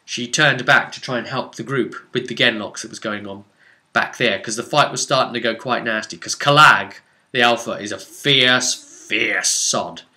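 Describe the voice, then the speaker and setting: A medium-pitched man, acting as game master, casually recounts a tabletop role-playing session, animated and rambling as he stresses points and then lets them trail off.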